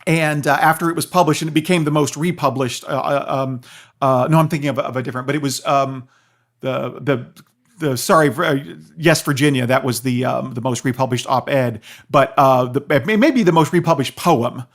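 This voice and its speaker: As a guest expert on a podcast, an American philosophy professor and author speaks at a medium pitch and a little fast. His explanations are animated and conversational, and he keeps checking in with whoever is listening.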